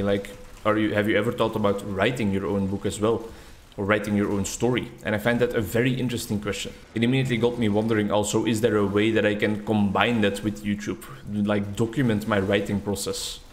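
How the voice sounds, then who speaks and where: Low-voiced and self-deprecating, a young Dutch-speaking man from the Netherlands or Flanders rambles and reflects while narrating his gameplay for YouTube. There's a slight hiss or hum in the audio.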